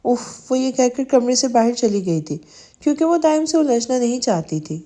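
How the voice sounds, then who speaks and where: A woman narrates a romance novel in steady, scripted storytelling. Her voice sits fairly high and has a mellow, dark warmth. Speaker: audiobook narrator.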